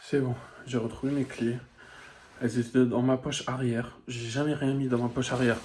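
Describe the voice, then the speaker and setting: A mid-range, slightly mellow voice with a level tone and moderate pace comes through a little hiss or hum. He's a man in his twenties casually vlogging on a handheld phone camera, exasperated and swearing crudely as he drives on the road, then continues outdoors on foot.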